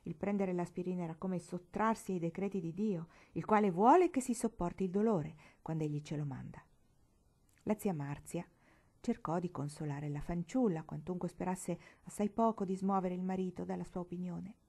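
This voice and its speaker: A woman from Italy narrating a novel aloud in a steady, expressive reading voice. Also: on the low side, normal speed. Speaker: reader. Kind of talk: audiobook narration.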